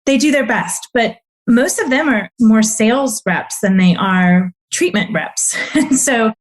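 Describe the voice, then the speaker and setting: A woman physician as a podcast guest, telling her stories in an animated, emphatic way. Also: fairly high pitch, measured pace. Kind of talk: casual interview conversation.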